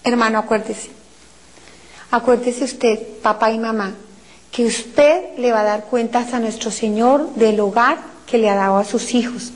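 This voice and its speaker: High-pitched Colombian woman preacher, emotional testimony, cries out her pleas. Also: unhurried. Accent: Colombian Spanish. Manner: addresses listeners as brothers. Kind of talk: impassioned testimony talk.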